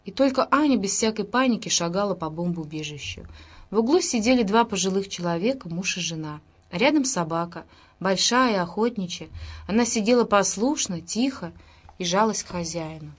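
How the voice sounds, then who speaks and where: Brief: female audiobook narrator, measured scripted narration, middle pitch. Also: animated.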